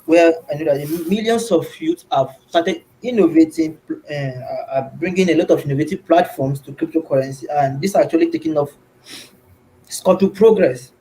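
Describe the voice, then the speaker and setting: A man's voice: on the high side, moderate pace, mellow, slight background noise, low-quality recording. A man from Nigeria hosting an online community call, earnest and repetitive, with many fillers. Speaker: host. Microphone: video call.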